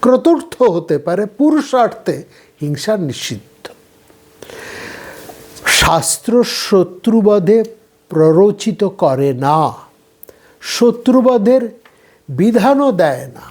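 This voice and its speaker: A man giving a slow, measured philosophy lecture, often trailing off softly at the ends of his phrases. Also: high-pitched, sing-song.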